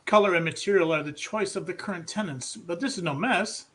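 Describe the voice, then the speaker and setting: A man voicing a whimsical, rascally bearded man who speaks in a teasing, unhurried way. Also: sits high, a bit bright, pitched above the performer's own voice. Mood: playful.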